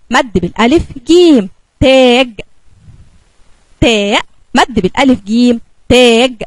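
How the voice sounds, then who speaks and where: A high-voiced woman with an Egyptian Arabic accent leads a kindergarten spelling lesson, slowly stretching out letter sounds for small children. There is no room sound.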